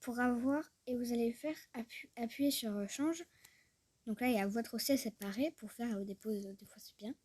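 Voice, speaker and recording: A woman with a slightly high, mellow and breathy voice talks her way through a casual tutorial. She rambles, comments to herself and keeps slipping into a half-murmur. The sound is close and dry. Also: normal speed, dry recording. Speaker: YouTuber showing a tutorial. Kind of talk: casual screen-recorded tutorial chat.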